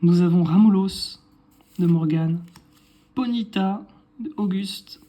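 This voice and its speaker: A man's voice: sits high, takes it slowly, warm tone. A man casually chatting through an unboxing video, thinking aloud and correcting himself as he goes. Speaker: card collector showing a purchase.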